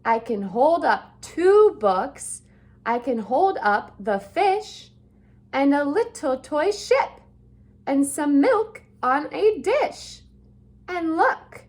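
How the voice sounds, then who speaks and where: A woman voicing a playful, show-off male cat in a storybook read-aloud, in a slow, sing-song rhyming delivery. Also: a little high, bright, forceful tone, exaggerated voice. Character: playful male cat in a hat, showing off tricks.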